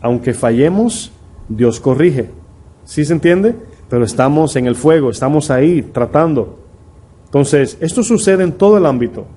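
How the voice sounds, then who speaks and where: A man's voice: fairly high pitch, animated, normal speed, warm tone, slightly rough. A middle-aged man, a pastor preaching a conversational sermon full of rhetorical questions to his congregation. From Dominican Republic.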